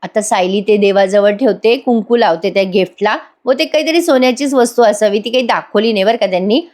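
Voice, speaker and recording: A woman's voice: mid-range voice, brisk, darkish tone. A woman recapping a TV serial episode in a chatty voice-over, addressing viewers directly. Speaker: TV serial reviewer.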